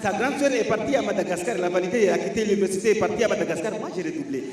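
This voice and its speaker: A man's voice: sits high, expressive, very fast, a crowd in the background. A man doing punchy stand-up comedy on a live stage, telling stories animatedly and repeating phrases for emphasis. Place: live stage before an audience. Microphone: stage microphone. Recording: echoey hall, distant mic, audience noise.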